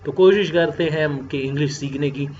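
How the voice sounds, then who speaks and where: A man's voice: on the high side, darkish tone. Man teaching grammar on a lo-fi recording. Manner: slow deliberate reading of English example sentences between Hindi-Urdu explanation. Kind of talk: classroom grammar lecture. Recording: dull lo-fi sound with faint background noise.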